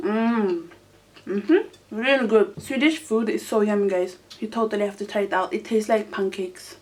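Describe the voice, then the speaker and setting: A young woman hosting a casual mukbang, chatting excitably to viewers as she eats. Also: mid-range voice, a little fast. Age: teenager to young adult. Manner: excitable, exclaiming, talking to viewers while eating. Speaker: mukbang host. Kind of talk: casual mukbang eating chat to camera.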